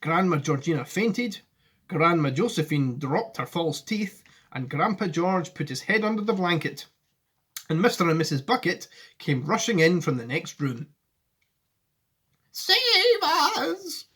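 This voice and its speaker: A man in his forties, a teacher, reads a children's story expressively in his living room and talks to his pupils in a friendly way. His voice is fairly high, a bit bright and husky, at a moderate pace. He's captured by a device camera held at arm's length.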